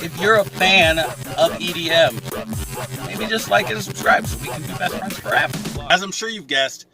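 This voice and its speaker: A man's voice: high voice, normal speed, over music. A man talking emphatically in a casual vlog, recorded inside a car going through a car wash. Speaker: music festival vlogger.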